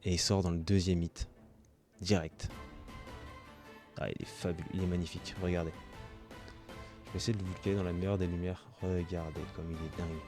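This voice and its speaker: A man's voice: low voice, little pitch movement, brisk, long pauses, a little mellow, faint music behind. A man hosting his own channel, opening trading card packs in casual commentary, reading off card names and gushing with delight over his pulls.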